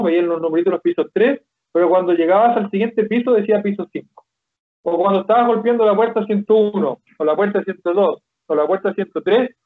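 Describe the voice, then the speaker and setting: Chilean man teaching, tinny phone-like sound. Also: sits high. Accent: Chilean Spanish. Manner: explains slowly, spells out Japanese words with careful pauses. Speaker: Japanese teacher. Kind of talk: casual online language lesson.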